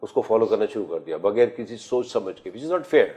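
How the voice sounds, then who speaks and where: A man's voice: on the low side, lively intonation, normal speed, warm tone. Chatty man in his fifties hosting. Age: 50s. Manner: chatty, jokey, mixes English phrases into questions. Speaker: talk show host. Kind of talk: studio health talk show.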